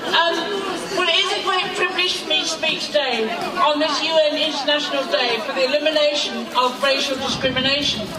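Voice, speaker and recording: A speaker giving a measured, formal address at a rally. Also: sits high, fairly even intonation. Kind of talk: formal public speech. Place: street rally. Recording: echoey, distant phone recording over loud crowd.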